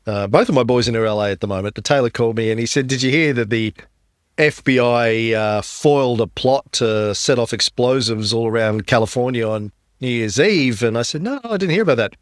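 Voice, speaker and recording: A man hosts a casual chat show, bantering and cutting in with quips. His voice sits at an ordinary middle pitch. The sound is close and dry, with no room around it. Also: moderate pace, no room sound. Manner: joking, talks over his co-host. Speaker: podcast host.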